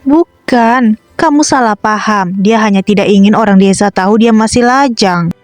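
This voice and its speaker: A woman reading a romance comic aloud in a scripted, even tone, voicing every part herself. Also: mid-range voice, moderate pace, dry recording. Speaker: comic dub reader. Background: faint background music.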